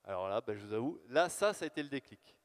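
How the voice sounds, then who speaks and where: A man giving a live lecture on his research, talking in a lively, conversational way with fillers and asides to the audience. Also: mid-range voice, fast. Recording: long hall reverb.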